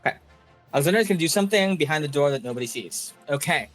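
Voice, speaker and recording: A man's voice: a little high, animated, racing, a bit bright. A man narrating a tabletop game casually as game master. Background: faint music.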